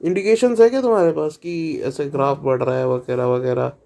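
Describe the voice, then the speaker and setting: A man reacts to a video in a relaxed, casual way, firing off skeptical questions. His voice sits a bit high but sounds mellow and dark, with frequent fillers and self-corrections. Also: a little fast, gravelly.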